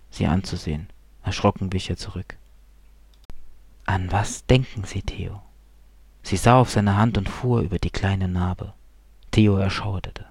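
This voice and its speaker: A man reading a story aloud in a calm, measured audiobook style. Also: fairly low pitch, no echo, clean studio sound. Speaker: narrator.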